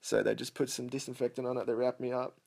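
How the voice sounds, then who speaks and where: A man's voice: mid-range voice, level tone, fast, vocal fry, darkish tone. A young man casually telling a long personal story, rambling, swearing a lot and laughing between lines. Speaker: storyteller over gameplay.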